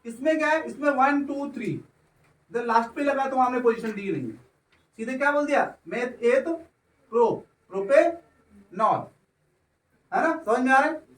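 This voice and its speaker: An extremely high-pitched man with a fairly bright tone lectures on chemistry at a moderate pace. He elongates words and asks his students again and again if they're following. The sound is distant and reverberant.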